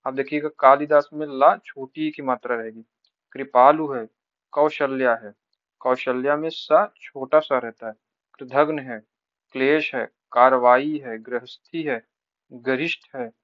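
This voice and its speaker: A man's voice: mid-range voice, steady tone, no echo, dull audio. A man teaching an exam-prep spelling lesson, rattling through word lists and repeating each word with short tips. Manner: rapid rote listing, repeating each word with brief tips.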